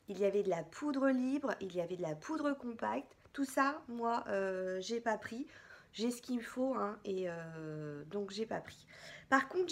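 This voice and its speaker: A woman beauty vlogger chatting casually through a product haul, chatty and hesitant, with many fillers. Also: medium pitch.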